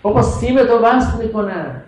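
A man's voice: very high-pitched, lively intonation. A man preaching a sermon with passion, firing rhetorical questions at his listeners. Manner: impassioned, rhetorical questions to the audience. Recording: echoey muffled hall recording with faint noise.

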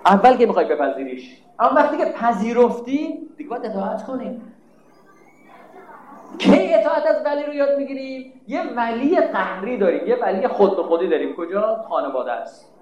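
A man's voice: extremely high pitch, echoey room, slight background noise, rough recording. A man giving a religious sermon, emphatic and scolding, asking rhetorical questions. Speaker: preacher.

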